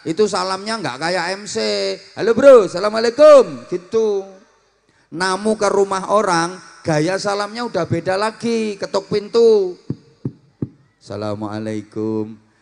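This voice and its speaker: A man giving a humorous sermon, acting out different greetings and teasing his listeners. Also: high-pitched. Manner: lively, acts out greetings in many voices, teasing the audience. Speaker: preacher. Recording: long hall reverb.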